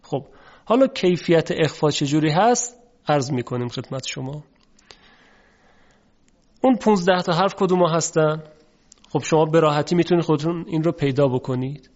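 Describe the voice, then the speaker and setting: A man teaching a recorded recitation lesson, formal and polite, who explains patiently and stretches sounds out slowly to show them. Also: fairly high pitch, a little mellow, lo-fi sound.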